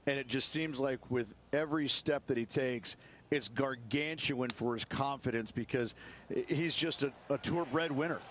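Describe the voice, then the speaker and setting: A mid-pitched man talking golf with chatty enthusiasm and easy laughter in scripted video game commentary. Clear background noise runs under the track. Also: normal speed, a bit bright. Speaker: guest golf analyst.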